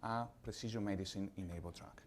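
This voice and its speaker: A man from Italy with an Italian accent, speaking on a conference panel as a pharma executive, measured and slightly halting in English. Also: sits low, steady tone, a little hiss or hum.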